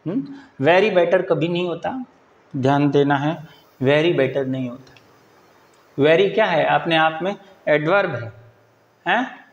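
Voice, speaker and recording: A man teaching English grammar for exams, explaining in Hindi and reading English sentences slowly, often checking that listeners follow. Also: fairly high pitch, echoey room, dull audio. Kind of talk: exam-prep grammar lesson.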